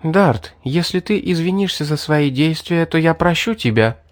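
A man voicing a spoiled, indignant young noblewoman in a fantasy audiobook, speaking high and imperious. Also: animated, normal speed, no room sound, clean studio sound, natural voice. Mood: haughty.

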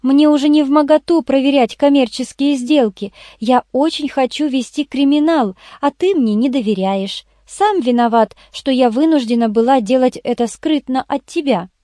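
A woman's voice: sits high, normal speed, warm tone, no room sound, clean studio sound, voice pushed up, close to an everyday voice. A woman voicing a young female detective's assistant who purrs and pleads in a coaxing way in an audiobook. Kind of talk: audiobook character voice.

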